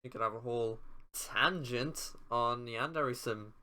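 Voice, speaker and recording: A young man co-hosting a podcast who teases his friend with dry, offhand jokes. His voice sounds bright and sharp. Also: medium pitch, measured pace. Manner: teasing, dry quips. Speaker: podcast co-host. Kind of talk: casual chat.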